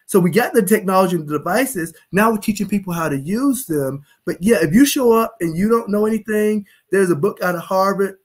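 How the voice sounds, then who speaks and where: On a live video-call panel from his home office, a middle-aged physician explains things emphatically, gesturing with his hands. His high-pitched voice is animated and fairly quick with hardly any pauses, picked up by a webcam.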